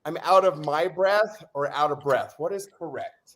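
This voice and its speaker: A man co-hosting a live stream in casual chat, exuberant and jokey, whooping and shouting at times, getting over covid. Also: a little high, normal speed. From Utah. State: recovering from covid. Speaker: livestream co-host.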